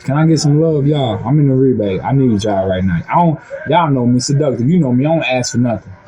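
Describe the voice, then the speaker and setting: A man's voice: medium pitch, expressive, a little fast, warm tone, dull audio. A middle-aged man, talking casually to viewers on a livestream in loose, rambling street slang. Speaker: livestream host.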